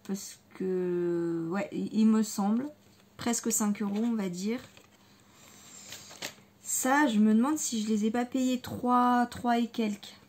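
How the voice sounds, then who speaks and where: A woman's voice: fairly high pitch, fairly even intonation, slow pace, a little mellow. A woman chatting casually in a haul video, hesitant with many fillers and repeated words, enthusiastic about her crafting materials. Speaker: scrapbooking vlogger.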